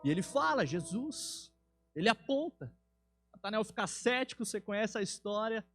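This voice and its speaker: A man with a fairly high voice and a Brazilian Portuguese accent delivers an earnest sermon in a church. He builds toward emphatic, louder peaks. Soft instrumental music plays faintly behind him. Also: big pitch swings, moderate pace. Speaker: preacher.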